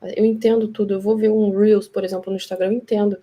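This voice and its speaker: A woman's voice: medium pitch, level tone, quick pace, muffled recording. Hesitant woman on a call. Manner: hesitant, self-critical. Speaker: client. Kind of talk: consultation on a video call. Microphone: video call.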